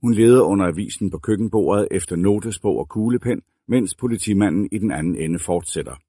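A man reading a novel aloud as a narrator, in a measured, deliberate way. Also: sits low, warm tone, slightly rough, dry recording, studio quality. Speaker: audiobook narrator. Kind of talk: scripted narration.

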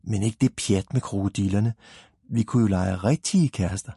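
A man's voice: on the low side, gravelly, dark tone, breathy edge, no room sound, studio quality. A man voicing a bossy, pert little girl who talks like a know-it-all.

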